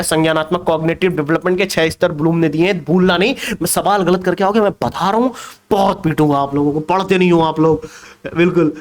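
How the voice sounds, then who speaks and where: A young male teacher leads an online exam revision class with a fairly high voice. He teases his students, keeps asking whether they understand, and slips English terms into his explanations. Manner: lively, teasing, mixes Hindi with English terms, asks students questions. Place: indoors with a laptop.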